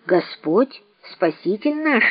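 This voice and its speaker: Soft earnest kind man, read by a woman, dry slightly dull audio. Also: mid-range voice, sing-song, takes it slowly, slightly rough, no room sound, full character voice. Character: kind, gentle grown man, pleading and caring.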